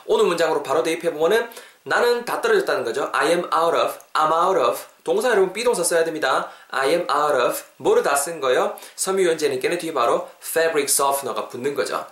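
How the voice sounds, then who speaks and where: A man's voice: on the high side, expressive, moderate pace, fairly bright tone, reverberant. A male podcast host giving an English lesson, coaching listeners to repeat phrases after him in an upbeat, encouraging way.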